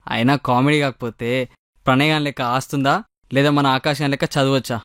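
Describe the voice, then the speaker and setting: A man's voice: medium pitch, steady tone, fast, a bit bright, clear, resonant tone, no room sound, studio quality. A young man with a Telangana Telugu accent, playing a friend in a comedy sketch, with a wry, self-deprecating manner.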